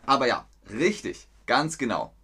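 A man from teaching in a live-stream lesson, speaking slowly and clearly, reading viewers' chat aloud and correcting them. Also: medium pitch, very animated, pushed and bright.

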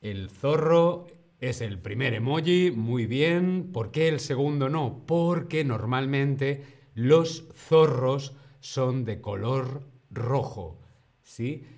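A man leads a live-streamed Spanish lesson. He talks at an unhurried pace, sounding out every word with care and repeating phrases for his viewers. His pitch sits in a middle range. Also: lively intonation, darkish tone. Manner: slow, over-articulated and repetitive for learners. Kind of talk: live online language lesson.

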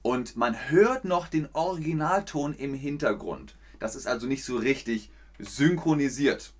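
A man with a Rhineland German accent, hosting a casual livestream lesson and explaining things slowly, with repeats of key sentences. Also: medium pitch, lively intonation. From Cologne, Germany. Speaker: German teacher, livestream host.

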